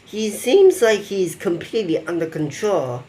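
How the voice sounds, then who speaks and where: A man telling a rambling mock-documentary story in halting, non-native phrasing, acting out quoted lines. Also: high voice, very animated, a little mellow, slight background noise. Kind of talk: improvised storytelling narration.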